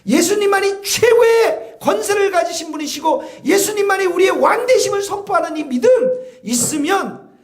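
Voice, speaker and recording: A male pastor preaching a sermon with impassioned, shouted peaks. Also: very high voice, lively intonation, moderate pace, roomy sound. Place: church.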